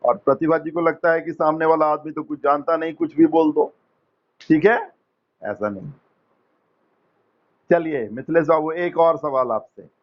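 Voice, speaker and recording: A man teaching an English lesson, quizzing students one by one in a patient, coaxing, gently teasing way. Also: on the high side, normal speed, pauses often, highs cut off. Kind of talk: online class quizzing students.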